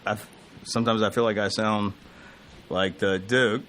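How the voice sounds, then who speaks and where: A man's voice: lowish voice, fairly even intonation, a little slow, fairly bright tone, a little hiss or hum. A man hosting a radio show in casual studio banter, chatty and self-deprecating. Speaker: radio host.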